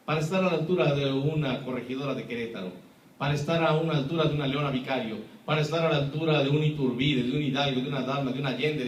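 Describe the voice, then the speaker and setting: A man's voice: medium pitch, a little hiss or hum. A man with a Mexican accent giving an impassioned public talk, emphatic and full of rhetorical questions. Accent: Mexican Spanish. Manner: emphatic, rhetorical questions, acts out quoted voices. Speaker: lecturer. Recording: echoey room, speaker far from mic.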